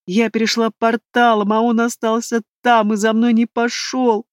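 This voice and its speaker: A woman's voice: a little high, little pitch movement, moderate pace, no room sound, studio quality, voice pushed up, natural voice. A woman voicing a sobbing, wailing young bride. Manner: wailing through tears, indignant.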